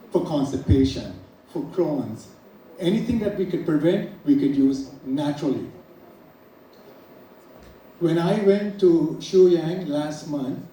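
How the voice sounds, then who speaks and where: A middle-aged man from Trinidad and Tobago talks to a live audience as a naturopath, earnest and emphatic as he lists item after item. His voice is dark but sits a little high. It comes from a distance in a very echoey room with faint noise underneath. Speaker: naturopath speaking at a product event. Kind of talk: promotional speech to a live audience.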